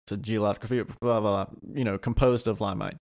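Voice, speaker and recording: A man's voice: lowish voice, steady tone, fast, a little mellow. A man co-hosting a casual faith podcast, reading an article aloud, tripping over hard names and dropping jokey asides. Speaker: podcast co-host.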